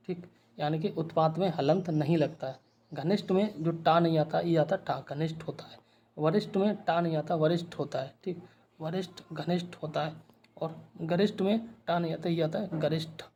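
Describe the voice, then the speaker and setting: A man's voice: fairly high pitch, fairly even intonation, a little mellow. A man teaching Hindi spelling, going word by word and checking in after each point. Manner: spells out letters slowly.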